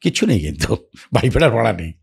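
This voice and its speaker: A man tells stories in a relaxed interview, reminiscing about his career. His voice sits at a middle pitch with a husky edge, and he acts out the lines he quotes. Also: fast talker. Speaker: actor as podcast guest. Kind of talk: casual storytelling interview.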